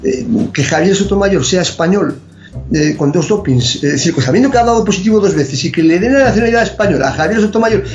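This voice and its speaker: A slightly higher-voiced man talks through his views as an athletics expert in an interview. He sounds opinionated and analytical, keeping a conversational tone. The recording is roomy and muffled, like a lo-fi capture in a reverberant space. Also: animated, fast.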